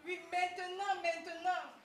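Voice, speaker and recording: A woman's voice: very high voice, little pitch movement, unhurried, a bit bright. A woman playing a pleading, complaining daughter. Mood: urgent. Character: aggrieved young daughter disowned by her father. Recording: echoey, distant, with background noise.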